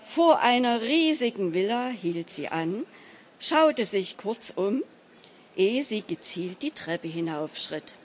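A woman reading a humorous short story aloud in a measured, dry storytelling manner. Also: medium pitch, very animated. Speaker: story reader.

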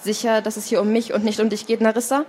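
A woman voicing a calm, teasing male king at a live reading of a novel, close to her own voice. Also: on the high side, quick pace, slight background noise, close to an everyday voice. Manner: dry and teasing.

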